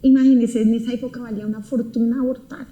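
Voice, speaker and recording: A woman's voice: a little high, level tone, fast talker, mellow. A woman giving an emotional personal testimony, talking earnestly and intensely and repeating her words. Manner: earnest, intense storytelling with repetitions. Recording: roomy echo.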